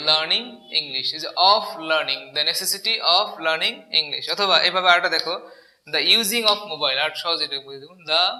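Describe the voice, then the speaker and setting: A man's voice: a little high, sharp tone. A man teaching an English grammar lesson, asking the class questions and repeating key words. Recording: echoey room.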